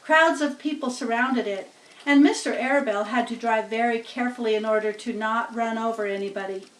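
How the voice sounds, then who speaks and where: Reading a children's story aloud, a woman narrates plainly and slowly, chatting along the way to explain things in casual asides. Her voice is a little high and a little fast, and the roomy, distant home recording carries a faint hiss or hum.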